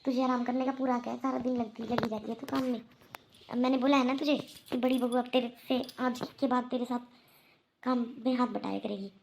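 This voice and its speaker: A kindly middle-aged mother-in-law in a cartoon, played by a woman. She is full of remorse and soothes and reassures, going over the same point again. Her voice is high with a gravelly fry. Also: fairly even intonation, a little fast, a little mellow, slight background noise. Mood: reassuring. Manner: soothing, reassuring, repeats herself. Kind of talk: Hindi cartoon voice acting.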